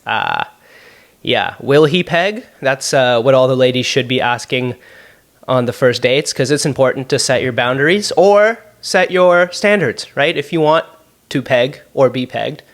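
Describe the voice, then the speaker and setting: A man's voice: mid-range voice, animated, a little slow. Joking, rambling young Canadian man. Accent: Canadian English. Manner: rambling, jokey, sarcastic asides. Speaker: podcast host. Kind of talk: solo podcast Q&A, casual chat. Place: apartment room at home.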